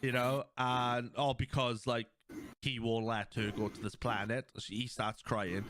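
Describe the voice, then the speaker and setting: Male podcast host, mid-pitch, rambling casual chat, faint hiss behind. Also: unhurried. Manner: rambling, animated retelling of scenes with laughter.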